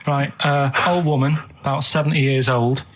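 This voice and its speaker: Speaking at a moderate pace with fairly even intonation and a medium pitch, an Englishman co-hosts a radio show from the studio. He rambles through odd stories in a casual, earnest, down-to-earth manner.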